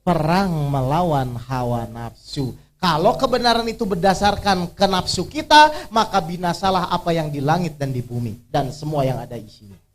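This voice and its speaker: The Islamic preacher talks briskly with few pauses, his high-pitched voice animated, while running an interactive religious workshop. He fires rhetorical questions at the audience and repeats key phrases to drive points home.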